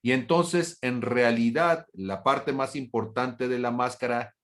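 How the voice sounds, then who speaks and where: A man teaching a Bible study as a pastor, speaking deliberately, asking rhetorical questions and briefly acting out imagined exchanges in a raised voice. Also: medium pitch. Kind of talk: sermon.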